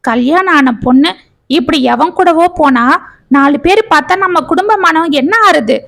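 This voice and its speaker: A woman voicing a meddling older female relative who insinuates and stirs trouble in a drawn-out way. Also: high voice, vocal fry, fairly bright tone, voice pushed up. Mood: insinuating.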